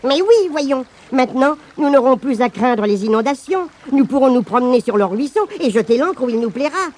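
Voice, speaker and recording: A man voicing a small, bossy female ant chief in a storybook reading, talking high and eager. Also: expressive, normal speed, a little mellow, slight background noise. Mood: cheerful.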